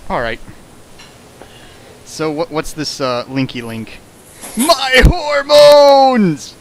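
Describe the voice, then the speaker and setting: This fanfic reader and riffer has a high voice and speaks very slowly, captured in a low-quality recording. Streaming from home, he reads a fan fiction aloud while mocking it with sarcastic, exasperated remarks and put-on voices.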